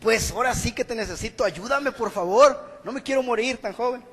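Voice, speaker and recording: A man's voice: extremely high pitch, brisk, breathy edge, exaggerated voice. A preacher voicing a desperate man hanging from a cliff, pleading and frantic, with a church-hall echo.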